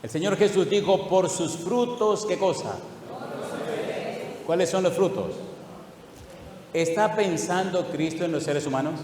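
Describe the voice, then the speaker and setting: Older male pastor, slightly high voice, emotional and affectionate, sermon in a reverberant church hall. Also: a little mellow. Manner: emotional, chuckling, fond asides and rhetorical questions to the congregation.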